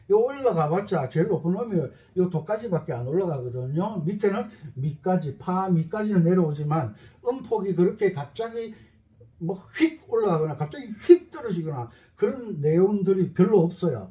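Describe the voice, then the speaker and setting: A man's voice: sits high, echoey room. A middle-aged man teaching an accordion lesson, joking and repeating his key phrases. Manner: lively, repeats key phrases, jokes with students. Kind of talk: spoken music lesson.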